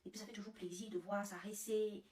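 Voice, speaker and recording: A woman's voice: mid-range voice, fairly even intonation, brisk, a little mellow, distant mic, slight background noise, natural voice. A woman voicing a chatty man flirting with a woman at work, mixing English words into his French. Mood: flirty. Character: smooth-talking Cameroonian man flirting at work. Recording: roomy, away from the mic.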